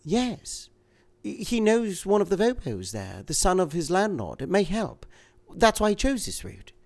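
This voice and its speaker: A man's voice: sits high, sing-song, a little slow, gravelly, a little mellow, voice pushed up, heavily acted. A man reading aloud voices an anxious, insistent woman in a spy thriller, with an urgent, pleading manner.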